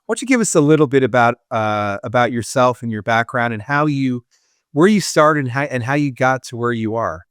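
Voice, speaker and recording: Male podcast host, clear voice, close dry mic, loose casual delivery with restarts. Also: medium pitch, animated, brisk, a bit bright, dry recording. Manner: conversational, many fillers and restarts. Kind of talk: casual interview chat.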